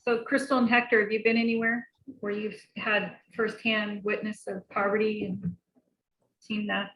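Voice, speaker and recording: A woman hosting a class discussion, talking in a relaxed way with fillers. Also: medium pitch, normal speed. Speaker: class host. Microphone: video call. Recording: echoey room on a video call, faint noise.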